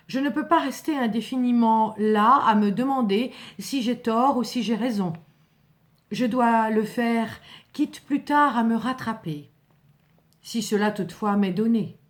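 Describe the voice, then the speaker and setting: A woman reads a first-person literary story as a dramatic narrator, in a solemn, earnest manner. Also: on the high side.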